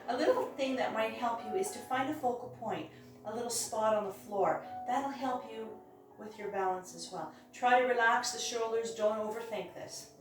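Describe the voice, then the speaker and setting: Careful, unhurried woman yoga instructor, very echoey. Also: on the high side. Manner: careful, unhurried, step-by-step guiding. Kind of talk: guided hatha yoga class instruction. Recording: very echoey room, distant mic, music.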